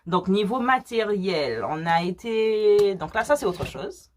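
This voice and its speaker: This woman from Guadeloupe or Martinique co-owns a small cosmetics business and answers questions in a casual video, walking through things step by step with practical advice. Her mid-range voice has lively intonation and a measured pace. There's a little hiss or hum in the background.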